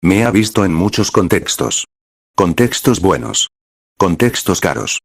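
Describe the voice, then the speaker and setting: A man's voice: deep voice, expressive, measured pace, gravelly, breathy edge, no room sound, studio quality, full character voice. A man doing a flustered young woman. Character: anxious, proud young woman down on her luck.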